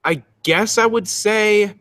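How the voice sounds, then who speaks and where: A man's voice: high voice, slow, fairly bright tone. A man co-hosting a livestream, rambling and joking at his own expense. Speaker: co-host, voice actor. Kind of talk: casual livestream chat.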